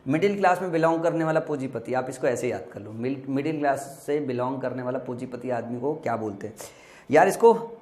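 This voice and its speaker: A man's voice: medium pitch, a little mellow. Echoey Hindi-speaking male vocabulary teacher. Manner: explains slowly with repetition and spelled-out letters. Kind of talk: exam vocabulary lesson.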